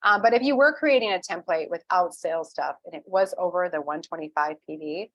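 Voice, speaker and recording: A woman's voice: lowish voice, fairly quick, dry recording, rough recording. A woman walking viewers through an online order in a chatty screen-share tutorial, with many "ums" and frequent "okay?" check-ins. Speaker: essential oil wellness advocate.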